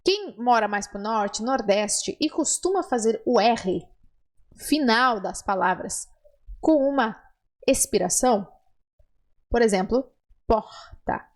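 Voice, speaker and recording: Southern Brazilian woman teaching pronunciation. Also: fairly high pitch. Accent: southern Brazilian Portuguese. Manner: patient, explains slowly, models words for repetition. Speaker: Spanish teacher. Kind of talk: online language lesson.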